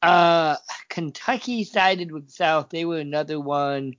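A man's voice: fairly high pitch, a little slow, fairly bright tone, no echo. A man co-hosting a podcast, chatting casually in an easygoing, agreeable way, from Oregon. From Oregon, USA. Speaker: podcast co-host. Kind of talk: casual chat. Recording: dry, dull lo-fi sound.

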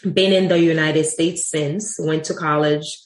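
A woman's voice: deep voice, steady tone, measured pace, slight background noise. A woman in her forties from Haiti, a leadership coach, telling her story earnestly and reflectively in an interview. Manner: earnest, reflective, with light laughs. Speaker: guest, executive leadership coach. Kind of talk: interview answer, personal story. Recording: roomy echo.

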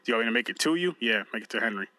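Rapid-fire banter comes from a podcast co-host whose mid-range voice sounds bright and forceful. He keeps things relaxed and profane, swinging between anecdotes and lists while joking casually. The recording is close and dry, with no echo at all.

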